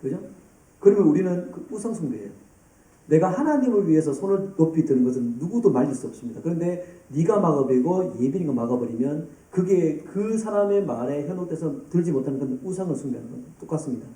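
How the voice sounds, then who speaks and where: Male youth pastor, lively sermon, dark mellow tone, echoey church hall from a distance. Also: on the high side, fast. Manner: lively, addresses students by name and acts out scenes.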